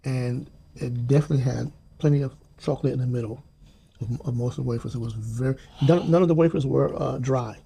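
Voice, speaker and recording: A man's voice: mid-range voice, fairly even intonation, fairly quick, gravelly, dark tone, slight background noise. An older man in casual chat, laid-back with short answers and dry jokes. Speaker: co-host, husband.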